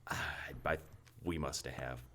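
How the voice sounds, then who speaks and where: A man's voice: a bass voice, steady tone, slow pace, pushed and bright, slight background noise. A man co-hosting a casual podcast, telling long rambling stories full of fillers and restarts. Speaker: podcast co-host. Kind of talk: casual chat.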